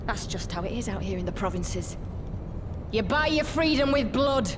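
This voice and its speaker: A woman's voice: fairly high pitch, animated, big-room sound, heavy background noise, close to an everyday voice. A woman playing a bitter, unrepentant soldier in a video game, delivering a grim and defiant villain monologue. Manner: grim, defiant, deliberate rhetoric. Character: bitter, unrepentant female soldier turned imperial collaborator.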